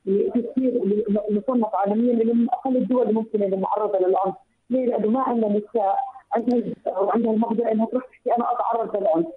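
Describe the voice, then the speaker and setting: A woman's voice: fairly high pitch, fairly even intonation, a little hiss or hum. A woman with a Palestinian accent calling in to a radio talk show, speaking earnestly through a headset microphone over a phone line. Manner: fast, earnest, explanatory. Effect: phone call through a headset mic. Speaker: phone-in guest on women's rights. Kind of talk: call-in radio discussion. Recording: tinny husky phone line.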